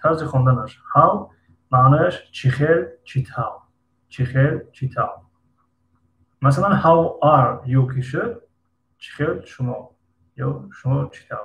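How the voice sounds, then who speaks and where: Male English teacher, gravelly voice, patient quizzing style, echoey room. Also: medium pitch, muffled recording. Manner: patient, quizzes students by name. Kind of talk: online English lesson.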